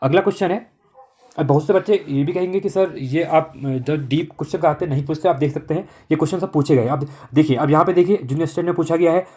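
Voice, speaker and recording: A man teaching an online exam-prep lesson, working through multiple-choice answers in a brisk coaching manner and filling the gaps with constant "okay" checks. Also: fairly high pitch, dark tone. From Uttarakhand.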